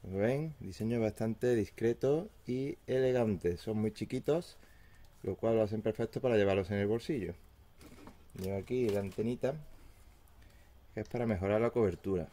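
A man does a casual unboxing review, explaining each step plainly as he goes. His voice is on the low side and dark in tone, at a moderate pace. Background noise is clearly audible, along with crinkles from handling.

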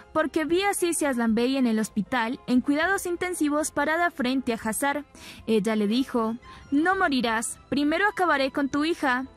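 A woman reading the lines of an anxious mother who pleads and apologizes. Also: high-pitched.

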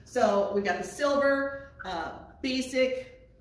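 A woman's voice: high voice, slow pace, recorded from a distance. Woman in her fifties, echoey room. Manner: eager, animated storytelling. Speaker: distillery owner. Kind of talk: casual chat. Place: small distillery room, indoors. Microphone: far camera.

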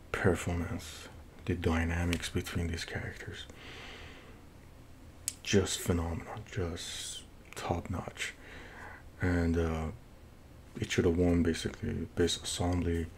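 Low-pitched man with thick Persian accent. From Iran. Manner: halting, searching for words with repeated false starts. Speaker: film reviewer. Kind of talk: casual unscripted movie review. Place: small home office, indoors. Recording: noisy room recording with low rumble.

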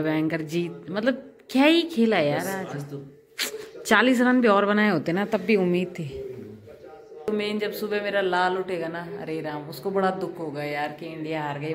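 A woman with a slightly low voice talks casually into a handheld phone camera at home. She chats directly with her viewers and with her young son in a relaxed, everyday way. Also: roomy sound. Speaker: vlogger and mother. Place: at home, indoors.

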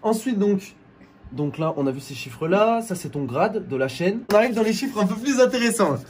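A man's voice: sits high, animated, normal speed, a little mellow, slightly rough. A man from France, a YouTuber co-host, casually explaining things to his viewers with many restarts and fillers.

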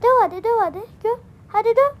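A woman's voice: very high voice, fairly quick, a little hiss or hum, voice pushed up. A woman voicing a cheeky, insolent baby boy who taunts and whines. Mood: taunting. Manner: bratty, taunting, whiny.

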